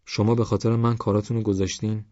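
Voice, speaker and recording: A man's voice: lowish voice, flat delivery, warm tone, dry recording, lo-fi sound, voice pushed up, natural voice. A man voicing a polite young man, a grandson, who talks in a courteous, mildly protesting way in an audiobook.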